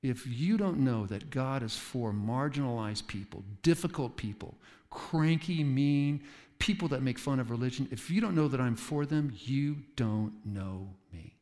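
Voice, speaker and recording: A man preaching a sermon in an animated way, acting out quoted voices with sudden jumps in pitch. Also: measured pace. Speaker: pastor. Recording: long reverb of a large hall.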